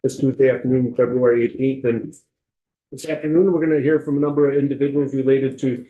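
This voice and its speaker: A man's voice: mid-range voice, steady tone, fast, narrow, tinny audio. Man opening a committee hearing. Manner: brief formal introduction. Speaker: committee chair. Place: legislative committee room.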